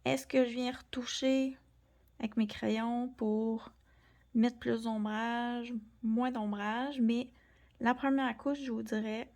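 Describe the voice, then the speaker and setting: A young woman with a Québécois French accent, gently explaining a colored pencil drawing tutorial and sometimes dropping to near-whispers. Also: fairly high pitch, level tone, slow. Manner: gentle, soft-spoken, drops into near-whispers while drawing. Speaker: art tutorial host.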